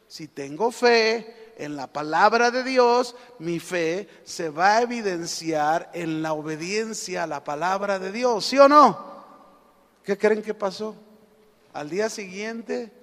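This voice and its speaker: High-voiced Mexican pastor preaching. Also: male voice, slow pace. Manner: animated storytelling, asks the congregation questions. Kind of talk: sermon. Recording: echoey hall reverb.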